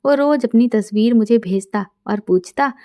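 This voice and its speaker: A middle-aged woman narrating a first-person story in a soft, intimate way, quoting dialogue plainly. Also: on the high side, normal speed, no room sound, clean studio sound.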